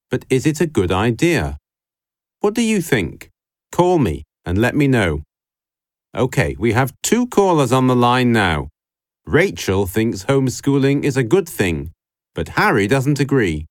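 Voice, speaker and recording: A man playing a smooth radio call-in show host in a scripted dialogue, with a welcoming presenter delivery. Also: mid-range voice, no room sound, clean studio sound.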